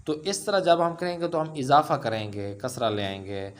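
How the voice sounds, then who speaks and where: A man teaching Persian in an online lesson. He reads Persian sentences aloud and then explains them slowly, with many filler sounds. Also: medium pitch, expressive.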